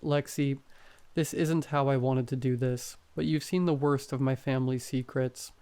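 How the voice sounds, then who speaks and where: Guy doing a meek placating boyfriend in a horror story, smooth soft voice, urban legend telling. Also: mid-range voice, fairly even intonation, moderate pace, natural voice. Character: young boyfriend, meek, pleading, loyal to monstrous family. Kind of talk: acted dialogue in horror storytelling.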